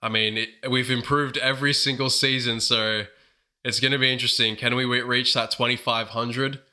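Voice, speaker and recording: A man's voice: medium pitch, level tone, moderate pace, pushed and bright. A man hosting his gaming channel, chatting casually through strategy commentary while a bit sick. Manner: chatty, upbeat, self-correcting.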